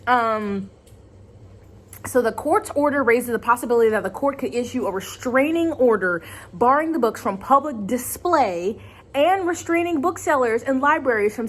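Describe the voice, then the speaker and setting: A woman with a fairly high voice gives casual opinion commentary as a video host. She is conversational and emphatic, with an exasperated edge.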